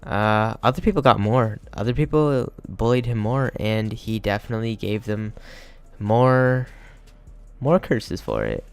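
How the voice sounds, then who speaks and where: A man's voice: on the low side, sing-song, measured pace, gravelly, clean tone, faint music behind. A young man telling a crude, joking story in a rambling, casual way, full of fillers.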